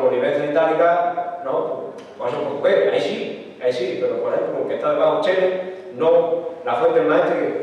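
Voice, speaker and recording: A man with an Extremaduran Spanish accent giving a lecture, his fairly high voice peppered with rhetorical questions. He is recorded from a distance in a hall with long, heavy reverb. The sound is somewhat dull and muffled. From Extremadura, Spain. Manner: explanatory, frequent rhetorical tag questions. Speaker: lecturer on local dialect. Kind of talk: public talk. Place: hall with audience.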